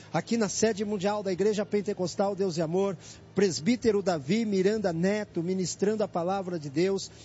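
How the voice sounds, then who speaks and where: A man's voice: high voice, dark tone. A Brazilian man hosting an evangelical radio broadcast, fervently inviting listeners to come to church. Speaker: radio host. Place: church headquarters, live broadcast. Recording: dull lo-fi radio broadcast with faint noise.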